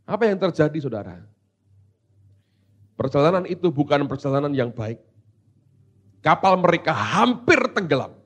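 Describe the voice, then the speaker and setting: A male pastor preaching a sermon. He switches between hushed asides and loud, dramatic exclamations. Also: on the high side.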